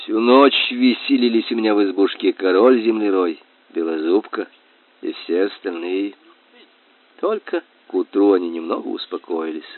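A man narrating a children's story in an expressive, lively reading voice. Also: on the low side, normal speed, no room sound. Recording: tinny dry phone-like sound.

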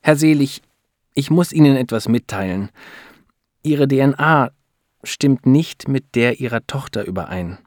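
A man's voice: medium pitch, lively intonation, measured pace, darkish tone, no room sound, clean studio sound, voice pushed up, natural voice. Man voicing a grave woman lab doctor. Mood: hesitant serious. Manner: earnest, hesitant when delivering bad news. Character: serious middle-aged female lab doctor.

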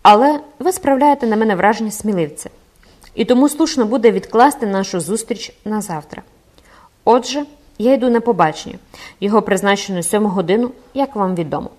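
A woman's voice: medium pitch, fairly quick, lightly acted. A woman playing a brash, swaggering young captain. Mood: brash, ironic. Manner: loud, brash, swaggering delivery. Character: proud hot-tempered young male cavalry captain.

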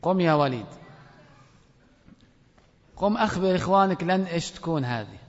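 Guy teaching a grammar class, high voice, calls students up by name, muffled old recording with hall echo. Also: animated, moderate pace.

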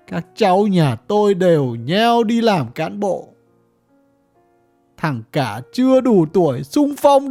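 A bitter old man from a village, once an official, rants and swears as he grieves, as an audiobook reader voices him. His speech swings widely in pitch and drags slowly. Faint music plays underneath. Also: darkish tone. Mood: grieving. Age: older. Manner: ranting, grieving, coarse cursing. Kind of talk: audiobook character voice.

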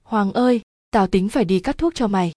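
A stern middle-aged mother snaps sarcastic scoldings at her son, read by a woman. The voice is soft and warm in tone, recorded dry and close. It is a plain storybook reading rather than a full character voice. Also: medium pitch, fairly quick, no room sound, lightly acted.

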